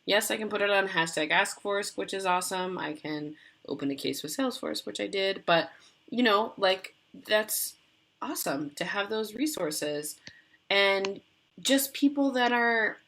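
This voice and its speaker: A woman's voice: mid-range voice, lively intonation, unhurried, a bit bright. A woman co-hosting a podcast over a video call, chatty and rambling with lots of filler words. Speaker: podcast co-host. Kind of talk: casual chat.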